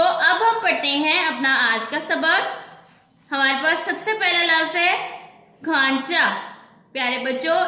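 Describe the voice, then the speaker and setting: Slow, patient woman teaching children. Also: high-pitched, sharp tone, echoey room. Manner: slow, patient spelling out of letters. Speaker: Urdu teacher. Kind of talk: children's reading lesson.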